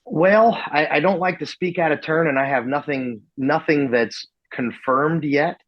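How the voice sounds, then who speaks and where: A man's voice: fairly high pitch, a little slow, no room sound, muffled recording. A man who promotes events, a guest chatting casually on a podcast in an easygoing, modest way. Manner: easygoing, modest, with frequent restarts.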